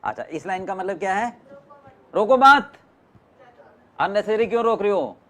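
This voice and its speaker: A man's voice: sits high, lively intonation, quick pace. A man teaching a class, mixing Hindi and English, often stopping to question his students. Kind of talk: classroom lecture.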